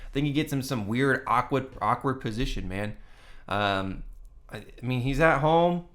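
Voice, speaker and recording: A man's voice: mid-range voice, moderate pace, fairly bright tone. Guy doing his fight picks, casual and kinda fired up, cusses a lot, keeps saying come on now. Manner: heated and profane, lots of "come on now" and "you know what I mean". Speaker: host of a fight picks channel.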